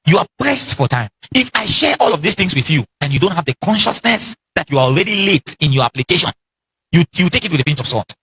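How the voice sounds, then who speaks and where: A man's voice: fairly high pitch, sing-song, fast, sharp tone, a little hiss or hum. A man giving a motivational seminar talk, exhorting the audience with repeated lines and questions. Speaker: seminar speaker.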